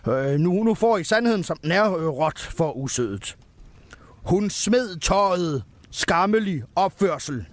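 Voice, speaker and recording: Comedic storyteller a man voicing an over-the-top, raging Santa, loud and high-strung. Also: big pitch swings. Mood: ranting. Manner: ranting, grandly dramatic. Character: furious melodramatic male Santa Claus.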